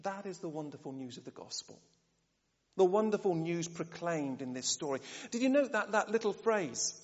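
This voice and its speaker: A man preaching a sermon, animated and often asking the congregation rhetorical questions. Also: fairly high pitch, normal speed. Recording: dull sound, long church reverb.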